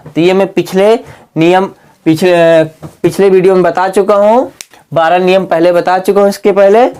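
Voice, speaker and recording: A man teaching English reading rules in a lesson video. He asks his students rhetorical questions and spells words out slowly, letter by letter. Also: high voice, a little mellow, clear, resonant tone. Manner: keeps asking the class rhetorical questions.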